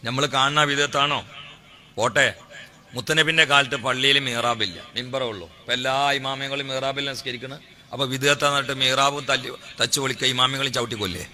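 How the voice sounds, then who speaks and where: A man preaching a sermon, firing off rhetorical questions and building to loud, drawn-out exhortations. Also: medium pitch.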